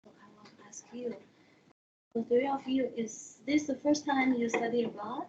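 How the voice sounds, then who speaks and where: A woman working as an international education coordinator walks through her slides in a relaxed, conversational way. Chinese is her first language, and her phrasing is slightly non-native. Her voice is fairly high and moves at normal speed, captured on dull audio with a little hiss or hum.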